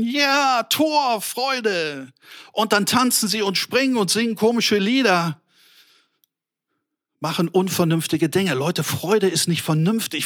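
A middle-aged man preaching an animated sermon to an online audience, speaking directly and colloquially to his listeners and telling stories. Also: sits high. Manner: colloquial with English words.

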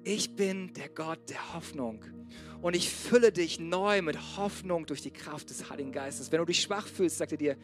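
A man preaching a sermon to a church congregation, swinging from loud urging to soft, hushed passages. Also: on the high side, normal speed, soft background music. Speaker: pastor.

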